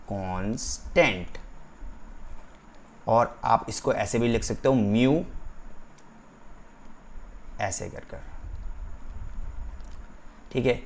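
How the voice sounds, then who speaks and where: A man teaching a physics class, dictating slowly, repeating key terms and checking that students follow. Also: medium pitch. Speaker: physics tutor. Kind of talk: online class lecture.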